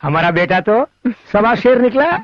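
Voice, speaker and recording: A high-voiced grumbling old father. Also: lively intonation, unhurried, very noisy. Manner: scolding, complaining. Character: older grumbling father, scolding and bossy. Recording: dull film audio with loud score.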